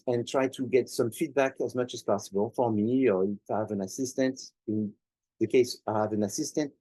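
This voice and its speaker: Male professor, recorded lecture, mellow tone, dry close sound, repeats himself for emphasis. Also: medium pitch, dry recording, poor audio. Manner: conversational, repeats points for emphasis.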